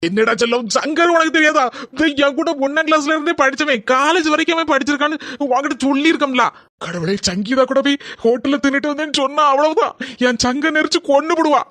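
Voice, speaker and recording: A woman's voice: high voice, fast talker, fairly bright tone, no echo. A woman voicing a meek, evasive village husband in a cartoon, stammering and placating with a Kanyakumari Tamil accent.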